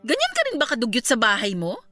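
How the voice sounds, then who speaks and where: Brief: a haughty, contemptuous woman employer in a radio play; high and bright, very animated. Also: fast, soft background music, heavily acted. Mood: scornful. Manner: sneering, contemptuous scolding. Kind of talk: radio drama acting.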